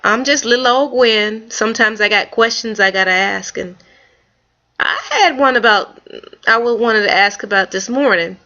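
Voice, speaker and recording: Gravelly bright-voiced woman vlogger. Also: fairly high pitch, normal speed. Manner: animated, folksy storytelling with Southern-leaning speech. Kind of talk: casual storytelling vlog. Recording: dull lo-fi home video.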